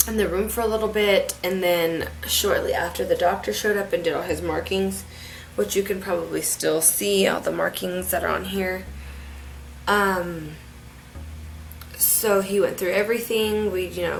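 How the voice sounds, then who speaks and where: Low-pitched woman chatting casually. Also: a little hiss or hum, rough recording. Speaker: vlogger. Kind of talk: casual personal vlog chat.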